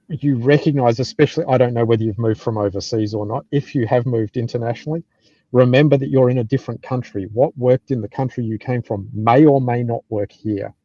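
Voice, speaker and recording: A middle-aged man with an Australian accent giving casual, blunt advice and anecdotes, sometimes halting as he thinks aloud. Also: medium pitch, dark tone, no room sound. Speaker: tech team lead giving career advice. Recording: dull, lo-fi, close dry sound.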